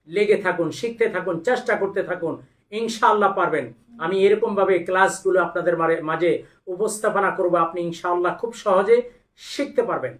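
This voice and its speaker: Bright echoey Quran teacher, man. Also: sits high. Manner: slow drilled syllables, then gentle encouragement. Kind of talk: Quran spelling lesson. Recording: echoey room, voice a bit far from the mic.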